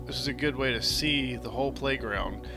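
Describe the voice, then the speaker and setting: A man's voice: medium pitch, moderate pace. A man in his thirties giving casual commentary as he plays a game, recorded on a headset. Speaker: gaming video host. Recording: game music and sound behind.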